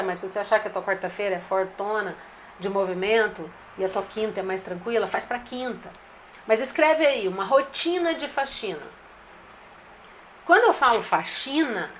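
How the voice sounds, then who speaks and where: A woman's voice: on the high side, fairly bright tone, a little hiss or hum. A woman giving a direct, coaching business talk to restaurant owners, speaking to them familiarly. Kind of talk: live-streamed business advice talk.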